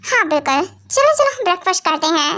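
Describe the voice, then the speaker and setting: A woman's voice: very high voice, very animated, a little fast, pushed and bright, exaggerated voice. A woman voicing a brash, cocky young gangster husband in a fan-dubbed audio story, talking in a teasing, smug way.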